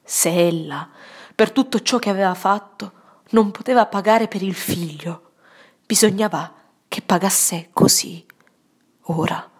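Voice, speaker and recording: A woman narrating a literary audiobook in a solemn, dramatic way, often sinking to a hushed whisper. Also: mid-range voice, unhurried, husky.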